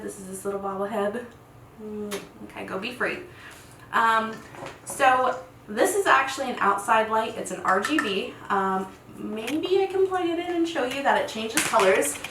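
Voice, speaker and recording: A woman in her thirties giving a casual, rambling tutorial at home, chatty and quick to laugh. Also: on the high side, fairly bright tone. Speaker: content creator teaching lighting. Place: home room set. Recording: echoey room, distant mic, faint hiss.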